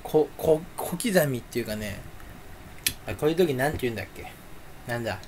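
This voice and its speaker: A man's voice: medium pitch, expressive, fairly quick, a little hiss or hum. A young man chatting alone to camera, rambling playfully and mocking himself while sucking on a candy. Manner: playful, self-mocking muttering with sudden loud outbursts. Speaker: YouTuber. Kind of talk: rambling solo chat.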